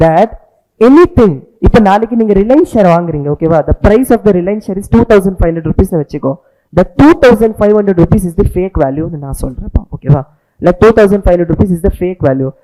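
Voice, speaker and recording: A man teaches informally in a Tamil accent, his voice high and rather mellow. He talks at a very rapid pace, explains through stories, and repeats himself, often adding short questions to check he is understood. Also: expressive, low-quality recording. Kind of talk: informal lecture with storytelling, mixing English and Tamil.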